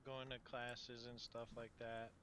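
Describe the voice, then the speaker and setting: A man's voice: mid-range voice, completely flat delivery, unhurried, crowd noise. A man on a voice call, dropping dry teasing remarks. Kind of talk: casual chat on voice call.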